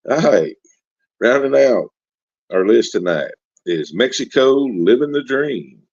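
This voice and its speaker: A man's voice: sits low, no room sound, highs cut off. A man hosting a live stream in a casual, folksy, joking way, reading out and answering chat comments. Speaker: livestream host.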